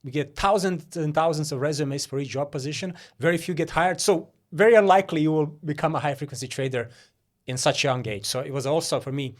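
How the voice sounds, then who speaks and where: A man's voice: fairly high pitch, fast. A Croatian-born man talking casually as an interview guest, with many fillers and restarts.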